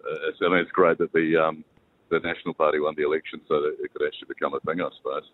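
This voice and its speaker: A man's voice: very deep voice, flat delivery, racing, no echo. A man with a New Zealand accent chatting casually and hesitantly on a mobile phone while out catching a bus. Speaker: radio broadcaster on a phone call. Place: on the phone at a bus stop, then on a bus. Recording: narrow, tinny phone line.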